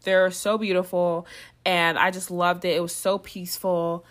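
A woman's voice: fairly low pitch, level tone, moderate pace, fairly bright tone. Young woman, casual storytelling, chatty, lots of filler words, acts out what others said. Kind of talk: casual chat.

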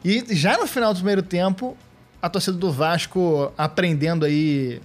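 A man's voice: sits high, moderate pace, soft background music. A Brazilian man hosting a casual podcast, recapping an old football match with joking, sarcastic asides. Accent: Brazilian Portuguese.

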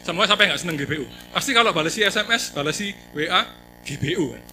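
A man preaching a sermon in a lively, joking way, often calling out to his listeners. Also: high-pitched, fast talker, over music, rough recording. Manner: animated, jokey, addresses listeners as 'saudara'.

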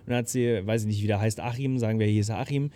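A young man telling a long story in casual chat, breaking into loud shouted impressions. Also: on the low side, steady tone, rapid-fire.

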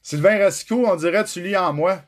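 Cursing Quebec French man, high voice. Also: a little fast. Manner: raw and cursing, talks straight to viewers. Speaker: truck driver telling his story. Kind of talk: emotional personal monologue.

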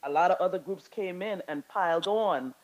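A man from Guyana and Brazil speaking in a casual discussion, halting, with many fillers and restarts. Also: high-pitched, a loud crowd. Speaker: participant in an audio chat room. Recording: dull lo-fi audio.

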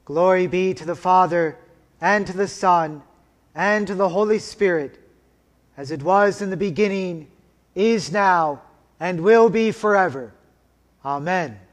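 A man leading a liturgy as officiant, intoning prayers and scripture in a solemn, measured way, his voice ringing in a cathedral echo. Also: high voice, fairly bright tone. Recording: long church reverb.

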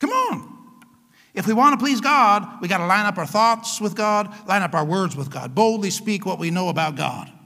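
A man's voice: sits high, lively intonation, moderate pace, gravelly, few pauses, pushed and bright. A man preaching a sermon as pastor, emphatic and rousing, calling out to his congregation. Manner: emphatic call-and-response preaching. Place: church. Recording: church hall reverb.

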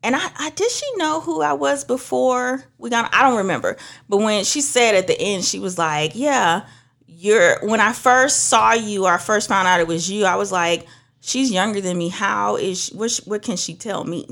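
A young woman from Trinidad speaks at a moderate pace in a medium-pitched, creaky voice. As a minister and beauty professional, she tells lively stories in casual conversation, reenacting what others said.

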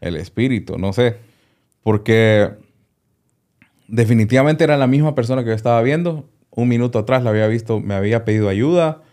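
A man's voice: medium pitch, a little fast, a little mellow. A man, a doctor, telling a personal story in an interview, hesitating and often repeating small words as he goes.

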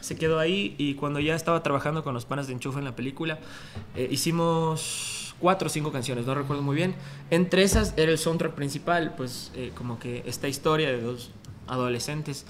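A young man telling stories in a relaxed, slangy way during a casual podcast chat in a bar. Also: a little high, a little hiss or hum. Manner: laid-back storytelling, slangy. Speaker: musician guest. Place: bar, indoors.

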